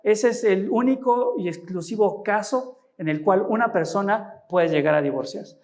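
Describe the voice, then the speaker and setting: A man's voice: high voice, moderate pace, darkish tone. A man with a Mexican Spanish accent preaching a sermon as pastor, explaining scripture and often asking his listeners short questions. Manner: teaching, asks listeners rhetorical questions.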